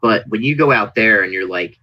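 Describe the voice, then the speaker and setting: A man chatting casually as an interview guest, telling stories in an animated way and acting out people's reactions. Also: fairly low pitch, a little fast. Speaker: interview guest, indie wrestling performer. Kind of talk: casual interview chat, anecdotes.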